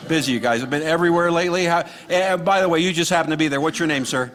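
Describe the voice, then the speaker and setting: Sarcastic, high-pitched American stand-up comic, man. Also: very fast, a bit bright. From Los Angeles, United States. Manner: sarcastic, dry lilting delivery of punchlines. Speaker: stand-up comedian. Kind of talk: stand-up comedy routine. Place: live stage before a laughing audience. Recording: noisy live comedy club recording.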